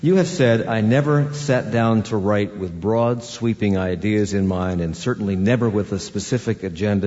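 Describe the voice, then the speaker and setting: A man hosting an interview, asking long, measured questions. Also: lowish voice, a little mellow. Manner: measured, reads quotes, asks long questions. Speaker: interviewer, host. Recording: dull sound with long reverb.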